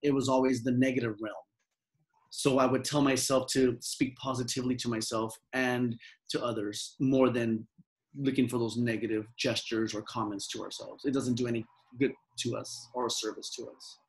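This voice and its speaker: Earnest man coaching calm. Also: mid-range voice, normal speed, rough recording. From Southern California. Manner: earnest, repetitive, acts out quoted lines. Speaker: mindfulness coach. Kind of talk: interview answers.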